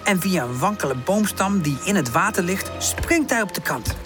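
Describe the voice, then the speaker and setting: Expressive woman reading a children's storybook. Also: on the low side, moderate pace, over music. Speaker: audiobook narrator.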